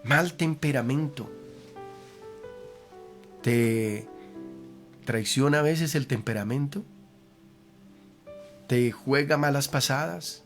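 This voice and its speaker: A man's voice: mid-range voice, takes it slowly, pauses often, faint music behind. A man preaching a sermon as pastor, earnest, with rhetorical questions and repeated phrases.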